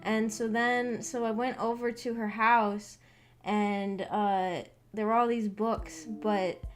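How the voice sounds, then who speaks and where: A young woman speaks slowly and in a level tone, her pitch on the high side. She's rambling casually on a live stream, hesitant and drifting off mid-thought, over background guitar music.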